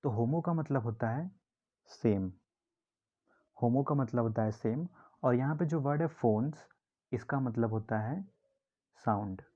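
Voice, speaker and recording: A man's voice: medium pitch, a little slow, pauses often, warm tone, lo-fi sound. A man teaching vocabulary in a classroom style, asking his own questions and repeating key words to explain them. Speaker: English teacher.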